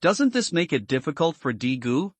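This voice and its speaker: A man reading the lines of a calm young male leader who gently settles a quarrel, in a comic story recap. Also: a little high, normal speed, no room sound. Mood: soothing.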